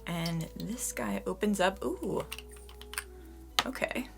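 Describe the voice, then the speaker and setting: Slightly hoarse, chatty woman beauty vlogger. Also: medium pitch, slow pace, fairly bright tone. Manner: chatty, addresses viewers as "you guys", frequent "like" fillers. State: slightly hoarse, losing her voice. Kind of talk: casual product review and demo.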